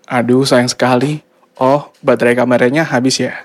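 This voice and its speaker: A man's voice: mid-range voice, level tone, moderate pace, very noisy, lightly acted. A man playing a young blogger, Chris. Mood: casual. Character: Australian male blogger Chris, young adult. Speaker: dialogue actor in a language lesson. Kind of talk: scripted radio dialogue.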